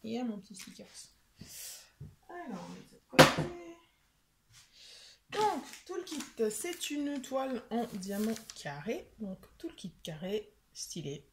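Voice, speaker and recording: A woman's voice: fairly high pitch, a little slow, creaky, very noisy. Chatty young woman unboxing at home. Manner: chatty, excited, stumbles and repeats words. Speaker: vlogger unboxing a craft kit. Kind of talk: casual unboxing chat. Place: home with a washing machine running.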